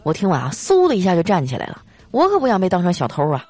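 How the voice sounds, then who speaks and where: Faint music plays under a young woman's fairly low, slightly rough voice. Her comic monologue, which carries a sponsored segment, is lively and jokey, peppered with stretched-out particles.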